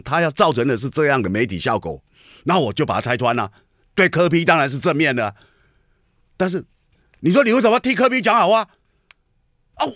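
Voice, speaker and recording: A man's voice: mid-range voice, a bit bright, no echo, clean studio sound. A man hosting a radio talk show, giving an emphatic political commentary monologue full of rhetorical questions to his listeners. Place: radio studio.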